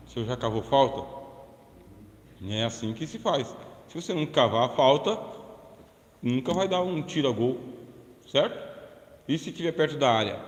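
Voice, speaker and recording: Joking Brazilian pastor in an echoey hall. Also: male voice, mid-range voice. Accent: Brazilian Portuguese. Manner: jokey, chatty, asks the audience questions. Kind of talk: humorous sermon-lecture.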